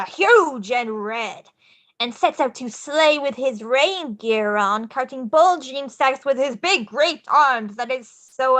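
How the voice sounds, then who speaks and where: A woman playing an excitable, theatrical showman in a musical script read, with declamatory, singsong phrasing. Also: high voice, exaggerated voice. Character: Jack, theatrical, excitable showman leader of Halloween Land.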